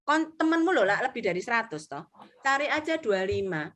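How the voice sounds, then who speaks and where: A brisk, rather high-voiced middle-aged woman, head of an insurance agency, delivers a motivational talk full of lively stories. She performs the quotes she tells and drops English words into her speech.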